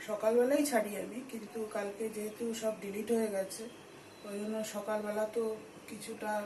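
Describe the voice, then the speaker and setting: A woman chatting to her viewers while cooking at home, speaking softly at times. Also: medium pitch, echoey room, slight background noise, rough recording. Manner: speaks softly so as not to wake the household. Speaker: vlogger. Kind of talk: casual home vlog narration. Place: home kitchen.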